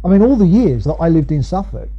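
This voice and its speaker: A man's voice: a little high, big pitch swings, fairly quick, dull audio. A man with an Essex accent preaching in a conversational, emphatic way, repeating key phrases and acting out the arguments he quotes. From Essex, England. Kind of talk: conversational expository sermon.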